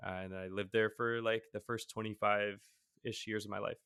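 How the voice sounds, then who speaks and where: A man's voice: on the low side, flat delivery, normal speed, fairly bright tone, clear, resonant tone, dry recording, clean studio sound. A man in his thirties from the Boston area, chatting casually as a guest on a video call, rambling with many fillers and self-deprecating laughs. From Boston area, USA. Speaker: guest, tech CTO. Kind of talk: casual interview. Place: home room, on a video call.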